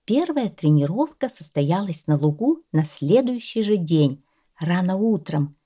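A woman reads a children's animal story aloud at a slow, unhurried pace. Her voice sits fairly low, and she shapes each sentence with measured expression. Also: big pitch swings, warm tone. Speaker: narrator. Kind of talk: storybook narration.

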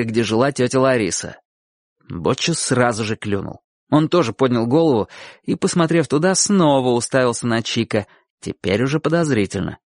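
A man reading a story aloud with lively, expressive narration. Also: on the high side, dry recording, clean studio sound.

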